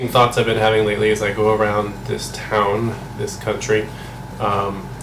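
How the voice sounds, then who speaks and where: A man's voice: on the low side, monotone, normal speed. An American man vlogging in a casual, musing way, often asking himself questions. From United States. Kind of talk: casual vlog monologue to camera. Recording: echoey room, mic at a distance, air conditioner hum.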